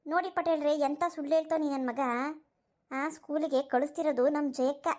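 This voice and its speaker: A woman's voice: sits high, darkish tone, lightly acted. A woman voicing an outspoken village woman in a cartoon who lectures and scolds emphatically while standing up for her friend. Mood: scornful. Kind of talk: cartoon voice acting.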